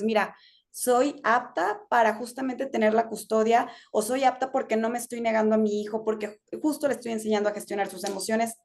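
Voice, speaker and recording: A woman's voice: mid-range voice, darkish tone. A woman lawyer speaking earnestly on a panel, sharing personal stories with many fillers. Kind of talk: conversational panel talk.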